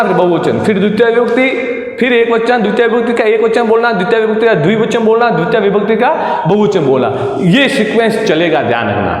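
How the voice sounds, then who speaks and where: Male teacher, high voice, slow repeated drills, very echoey hall sound. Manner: repeats forms slowly and checks understanding often. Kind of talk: classroom lesson, recited drill. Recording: echoey roomy hall recording.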